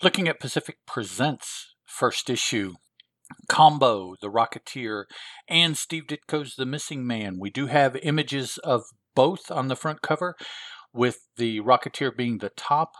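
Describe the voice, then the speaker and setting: A man's voice: medium pitch, expressive, a little slow, a bit bright, no room sound. Rambling man retelling a comic plot. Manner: rambling, with frequent filler words and self-corrections. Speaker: comic book reviewer.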